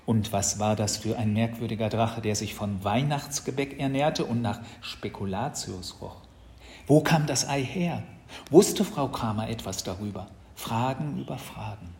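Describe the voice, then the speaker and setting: A man reading a children's Christmas story aloud as narrator, in a lively storytelling manner. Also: lowish voice, moderate pace, gravelly.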